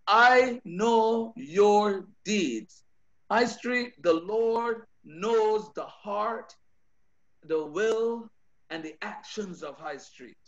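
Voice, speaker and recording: Over dull, lo-fi video call audio, a Bajan-accented pastor delivers an earnest sermon in a high-pitched, fairly bright voice. He tends to repeat words while building up his points.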